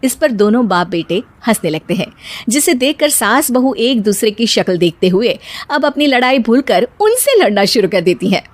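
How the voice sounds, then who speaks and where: A woman's voice: fairly high pitch, very animated, normal speed, no room sound. A woman narrating a scripted cartoon storybook tale as its storyteller.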